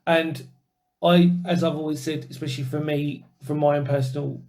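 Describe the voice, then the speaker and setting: British man hosting, slightly high, creaky voice. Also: level tone, normal speed, a little mellow. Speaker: host. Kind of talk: casual panel discussion.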